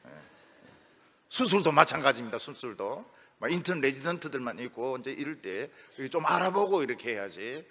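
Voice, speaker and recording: A middle-aged male pastor preaching a sermon in a lively, storytelling way, acting out the voices of people he quotes. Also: medium pitch, moderate pace, breathy edge. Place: church sanctuary. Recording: long reverb of a church hall.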